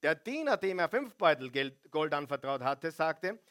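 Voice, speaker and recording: A man's voice: fairly high pitch, very animated, moderate pace, fairly bright tone. A man preaching a sermon, animating the congregation with rhetorical questions. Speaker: pastor.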